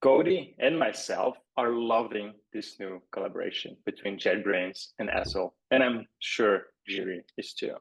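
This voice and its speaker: A man from Belgium hosts a tech webinar in a measured, welcoming tone. His voice is somewhat low and slightly husky. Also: poor audio. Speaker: developer advocate, webinar host. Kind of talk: webinar introduction.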